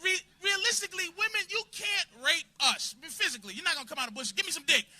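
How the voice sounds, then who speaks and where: A man doing a crude, confrontational stand-up set in a comedy club, bursting into shouts at hecklers. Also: very high voice, big pitch swings, fast talker.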